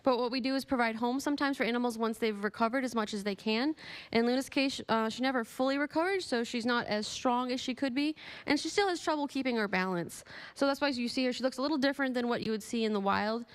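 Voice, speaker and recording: A woman's voice: on the high side, quick pace. A woman zoo educator answering interview questions in an explanatory, informative way.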